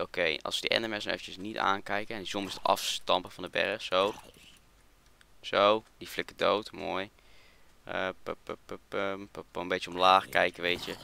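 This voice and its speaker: A young man with a Dutch accent commentating his Minecraft let's play, excitable and quick to swear. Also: low-pitched, creaky, clean tone. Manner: excitable, swears in rapid strings. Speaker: gaming channel host.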